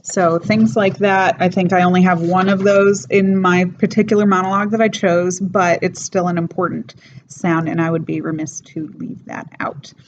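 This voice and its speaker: A woman, an English teacher, giving a casual spoken lecture, explaining things in an unhurried way with frequent fillers. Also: lowish voice, little pitch movement. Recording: dull lo-fi recording with faint noise.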